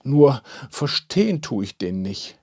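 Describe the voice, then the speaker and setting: A man's voice: mid-range voice, sing-song, slow pace, a little mellow, slightly rough, voice pushed up, exaggerated voice. A man voicing a stout, dreamy village woman who sighs a lot. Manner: dreamy, sighing.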